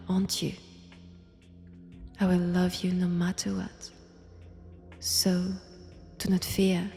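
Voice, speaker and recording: In a roleplay recording, a woman voices a crazed, possessive young vampire with a French accent. Her voice is fairly low and creaky, and she speaks slowly and intimately, often dropping into a whisper, with a menacing, possessive mood.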